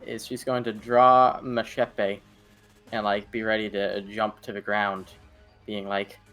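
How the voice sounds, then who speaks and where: A man's voice: on the low side, little pitch movement, slow, fairly bright tone, faint music behind. A man playing a tabletop role-playing game, talking casually and groping for words as he improvises. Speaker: player.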